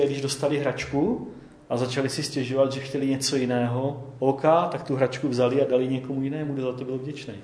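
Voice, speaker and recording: A man's voice: medium pitch, darkish tone. Man, preacher, conversational sermon, roomy echo, church. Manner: conversational, often adds "jo?".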